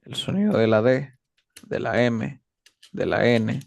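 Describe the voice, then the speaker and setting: A man's voice: medium pitch, very animated, a little slow, vocal fry, a little mellow, dry recording, studio quality. A man teaching an English lesson in a patient, casual way, often checking that he is understood.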